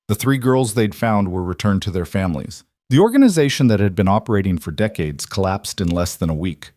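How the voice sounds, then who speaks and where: Male narrator for a dramatic story, low and measured, dry close sound. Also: a little mellow, no echo.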